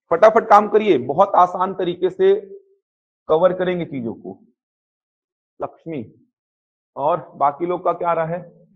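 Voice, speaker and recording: A man with a high voice teaches a live math class. He keeps the students engaged with repeated questions and short answers. The sound is slightly muffled, like lo-fi classroom audio. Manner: drills students with rapid question-and-answer, repeating key points. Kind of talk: live coaching class lecture. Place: classroom with students and online viewers.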